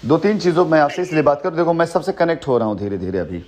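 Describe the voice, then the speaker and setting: A company head speaks assertively and at length on a recorded phone call with a former associate, repeating himself for emphasis in Hindi mixed with English words. His voice is a little high, sing-song and darkish, and he talks rapid-fire.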